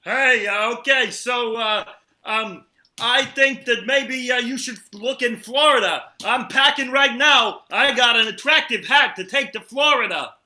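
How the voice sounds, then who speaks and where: Brief: man plays a dim, eager brick-built toy man, very bright and high, echoey room. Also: a little slow, slight background noise, full character voice. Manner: eager, rambling, full of filler sounds. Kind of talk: improv comedy game.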